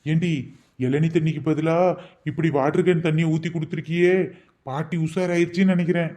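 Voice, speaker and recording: A man's voice: a little high, flat delivery, fairly quick, mellow. A man acting as a bossy coconut seller in a comedy skit, scolding and blustering. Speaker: comic actor playing a coconut seller.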